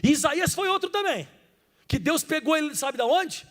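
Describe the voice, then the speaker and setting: Animated high-voiced preacher. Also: male voice, moderate pace. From Brazil. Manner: animated storytelling, acts out characters, asks the crowd questions. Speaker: pastor. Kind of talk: sermon. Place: church. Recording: reverberant church hall.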